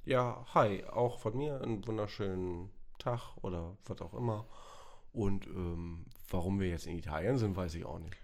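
A young man co-hosting a podcast in casual chat, talking in a dry, grumbling deadpan. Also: low voice, normal speed. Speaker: podcast co-host.

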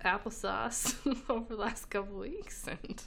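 A slightly congested woman, recovering from being sick, co-hosts a laid-back podcast and laughs often amid lots of filler words. Her medium-pitched voice is creaky and a bit bright, a little slow, with slight background noise behind it.

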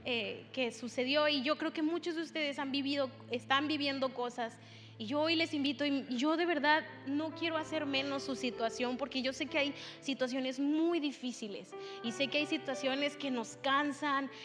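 High-voiced young woman preaching in a hall. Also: moderate pace, fairly bright tone. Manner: chatty storytelling with fillers. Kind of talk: sermon. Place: church hall. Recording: long hall reverb with faint music.

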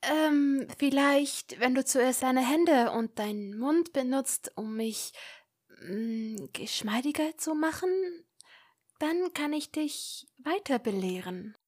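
A woman voicing a bookish, bossy young woman in an audio drama reading, breathy and exclaiming. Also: high-pitched, takes it slowly, a little mellow. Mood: hesitant.

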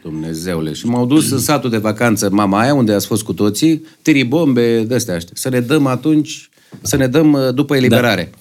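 Man telling a story with lively asides. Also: medium pitch. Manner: lively anecdotal storytelling, acts out quotes. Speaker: guest singer. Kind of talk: casual podcast chat.

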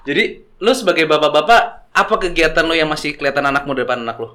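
A man's voice: a little high, expressive, racing, bright, forceful tone. A man hosting a podcast as a casual interview chat, with slangy, teasing banter. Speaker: podcast host.

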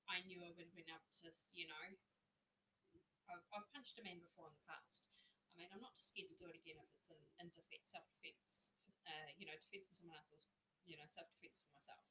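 A woman's voice: on the low side, steady tone, fairly quick, sharp tone, a little hiss or hum, rough recording. A woman hosting a personal storytelling podcast, talking emotionally with plenty of swearing and fillers. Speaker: podcast host.

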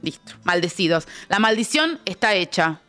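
A woman's voice: fairly low pitch, big pitch swings, normal speed, sharp tone, faint music behind. A woman with an Argentine accent co-hosting a radio show, telling a story in an angry, vulgar, ranting casual chat. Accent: Argentine Rioplatense Spanish. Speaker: radio co-host. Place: radio studio.

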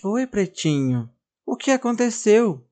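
A narrator voicing a small, lively girl who bosses her dolls around, in a high, expressive child's voice. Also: measured pace. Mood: carinhosa. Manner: fala aguda e expressiva de criança. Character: menina pequena, animada e mandona com os bonecos.

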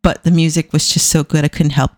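A woman's voice: sits low, flat delivery, quick pace, no room sound, studio quality. A middle-aged woman hosting a podcast alone, chatting casually with irreverent, self-deprecating humour. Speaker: podcast host. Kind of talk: casual solo podcast talk.

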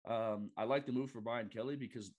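Male podcast guest, casual sports talk, halting delivery that often circles back on itself, middle-pitched voice. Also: a little mellow. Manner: halting, lots of fillers and restarts.

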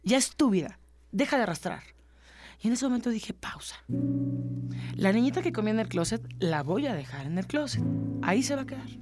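A middle-aged woman, a podcast co-host and interviewee, tells a personal story earnestly and animatedly, acting out what others said. Her voice is on the high side and a little fast, and she pauses often. Music plays in the background.

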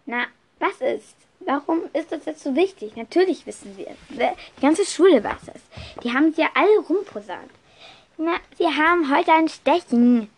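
A woman's voice: high voice, lively intonation, normal speed, voice pushed up. A woman voicing a chatty, eager schoolgirl witch who explains things in a slightly flustered way. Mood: explaining eagerly.

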